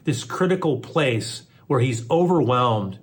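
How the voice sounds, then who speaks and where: A man preaching a sermon. He swings from forceful emphasis to a soft, almost whispered hush, and he repeats his phrases. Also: mid-range voice, expressive, unhurried, breathy edge. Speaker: pastor.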